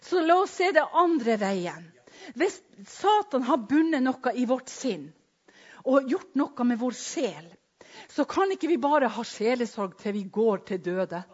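A woman preaching a sermon with emphasis, swinging between loud declarations and hushed storytelling. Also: high voice. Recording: dull lo-fi recording.

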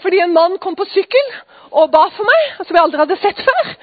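A woman's voice: extremely high pitch, very animated, no room sound. A woman giving an earnest, emotional personal testimony, at times dropping to a whisper. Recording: dry, phone-like sound.

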